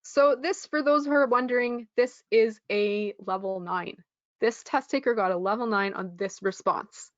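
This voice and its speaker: A woman's voice: a little high, normal speed, no echo, highs cut off. A woman teaching a live online test-prep lesson, explaining scores in a friendly way with frequent ums.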